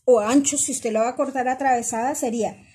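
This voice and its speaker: A middle-aged woman teaches a pattern-making class in a slightly high, husky voice. She talks her students through each step patiently, repeating the numbers and calling them "my girls". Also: fairly even intonation. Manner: patient, explains slowly and repeats measurements; addresses students warmly as "my girls". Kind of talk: step-by-step instructional lesson.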